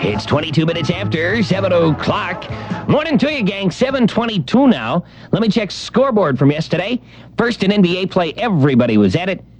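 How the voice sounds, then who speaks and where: A man's voice: high-pitched, big pitch swings, fairly quick, faint music behind. A man hosting a morning radio show, joking and rattling off times, weather and scores.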